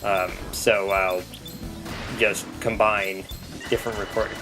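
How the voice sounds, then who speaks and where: A man casually commenting on a video game he is playing, rambling with pauses and restarts. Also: lowish voice, level tone, music in the background. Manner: rambling, full of ums and restarts. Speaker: let's play commentator.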